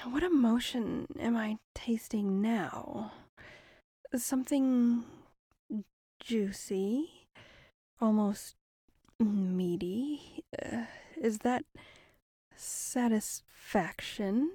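A woman voicing a female shapeshifting monster in an erotic audio role-play, breathy and halting, with sighs and drawn-out words. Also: fairly high pitch, warm tone, dry recording, clean studio sound, heavily acted. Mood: teasing, predatory. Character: predatory female shapeshifting monster, seductive captor turned panicked prey.

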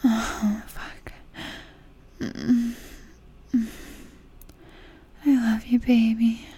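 A woman performing an intimate audio roleplay in a soft, breathy whisper. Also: a little high.

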